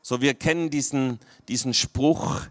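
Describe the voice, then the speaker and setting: Preaching to his congregation, this Swabian pastor keeps asking "ja?" and lowers his voice almost to a whisper to stress points. He speaks unhurriedly at medium pitch, his tone a bit bright.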